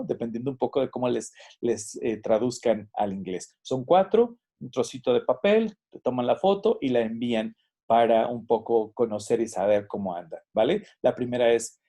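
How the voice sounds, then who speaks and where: A man giving a recorded video lesson, explaining patiently and modeling English phrases with sudden jumps in pitch. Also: dark tone. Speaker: teacher.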